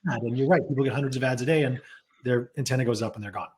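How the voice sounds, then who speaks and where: A man's voice: mid-range voice, rapid-fire. A man hosting a casual webinar conversation over a video call, conversational and full of likes and uhs. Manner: conversational, with many "like" and "uh" fillers. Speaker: host, company CEO. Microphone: video call microphone.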